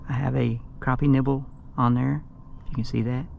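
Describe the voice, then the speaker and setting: A man's voice: medium pitch, level tone, a little fast, gravelly, phone-quality sound, a little hiss or hum. A man vlogging his fishing trip from a kayak on a lake, explaining his technique in an easygoing way, recorded on a boat-mounted action camera. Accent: Southern American. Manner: easygoing, chuckles often, explains while fishing. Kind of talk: casual outdoor commentary. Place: kayak on flooded lake outdoors.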